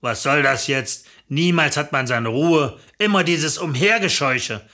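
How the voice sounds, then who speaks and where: A woman voicing a grumpy, lazy older husband who mutters complaints in a lowered voice. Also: measured pace, bright, forceful tone. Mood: grumbling.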